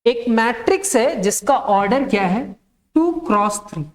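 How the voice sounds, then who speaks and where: A woman's voice: fairly high pitch, animated, moderate pace. A woman teaching a maths lesson. She dictates step by step, asks the class questions and answers them herself, and repeats the key terms.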